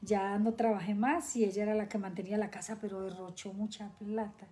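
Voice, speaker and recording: A woman's voice: medium pitch, little pitch movement, brisk, warm tone. A middle-aged woman, the host's mother, reminiscing about past hardships in plain, casual talk. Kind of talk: casual conversation.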